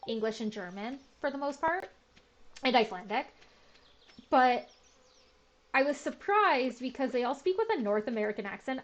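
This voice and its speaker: Her voice sits on the high side with a bit of hiss or hum as this young Canadian gaming host chats over a farming game. The talk is casual, meandering, and full of fillers and jokes at her own expense. Game music is faintly audible, and the sound is slightly muffled.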